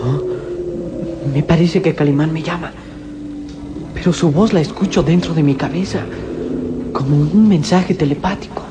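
A man's voice: a little high, moderate pace, long pauses, background noise, natural voice. An actor playing a small, loyal, anxious boy sidekick in a melodramatic radio drama, earnest and deferential. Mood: puzzled, cautious. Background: dramatic music.

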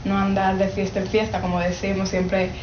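A woman's voice: mid-range voice, monotone, brisk, a little mellow, roomy sound, lo-fi sound, slight background noise. A nineteen-year-old woman, a young athlete giving earnest, firm interview answers.

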